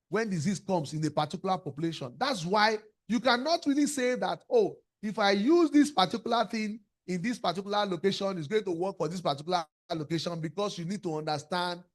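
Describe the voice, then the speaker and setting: A man giving an academic lecture, asking rhetorical questions and repeating words as he searches for the next one. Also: high-pitched. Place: lecture room.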